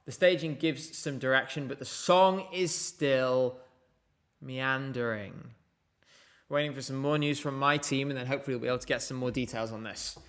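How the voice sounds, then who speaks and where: A man's voice: mid-range voice, fairly even intonation, normal speed, a bit bright. A man hosting a casual live stream from home, chatting, laughing often and reading out viewer messages. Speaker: livestream host.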